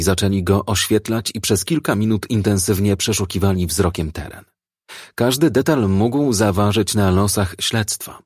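A man narrates a crime novel in a low, husky voice with a steady, measured reading. The sound is close and dry, with no room around it. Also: no echo.

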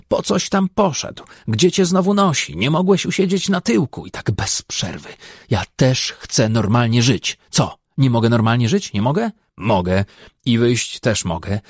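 A man's voice: medium pitch, slightly rough, no echo, studio quality, heavily acted. A man voicing a stubborn, sulky working man who answers bluntly and defiantly.

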